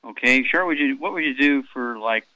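An elderly man hosts a radio advice show, listing supplements and doses with frequent fillers. His voice is bright and forceful, recorded dry. The audio sounds dull and lo-fi. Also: medium pitch, fairly quick, dry recording. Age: 80s. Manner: rambling, repeats product doses, many fillers. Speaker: radio health show host.

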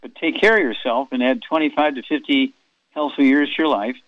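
A man's voice: mid-range voice, brisk, dry recording, phone-quality sound. A man in his eighties hosting a radio health talk, rambling and folksy with chatty asides. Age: 80s.

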